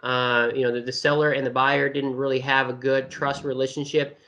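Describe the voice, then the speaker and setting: A man from China, a guest in an interview, explaining things casually with many pauses and restarts. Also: mid-range voice, flat delivery, pushed and bright, lo-fi sound. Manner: hesitant, many fillers and restarts.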